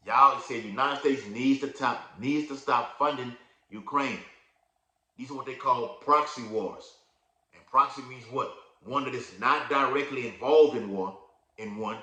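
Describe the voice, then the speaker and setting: Fervent preacher man in an echoey room. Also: bright, forceful tone. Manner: fervent, casual slang, booms when reading verses. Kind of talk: prophecy sermon with scripture reading.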